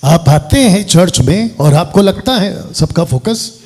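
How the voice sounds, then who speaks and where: Male pastor, sermon, husky voice, animated pitch, directive, breaks off to give instructions. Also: measured pace. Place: church hall.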